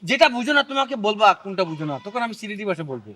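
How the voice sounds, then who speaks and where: An actor playing a boastful young husband who insists on showing off city speech in a comic regional drama. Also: male voice, high voice, very animated, racing, pushed and bright, a little hiss or hum, heavily acted. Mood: insistent.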